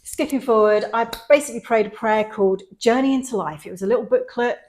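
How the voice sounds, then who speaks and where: A woman's voice: a little high, quick pace. A middle-aged woman from England with a mixed London and Sheffield accent, telling her story as a podcast host in casual chat. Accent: mixed London and Sheffield English. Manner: chatty storyteller, lively quoted voices.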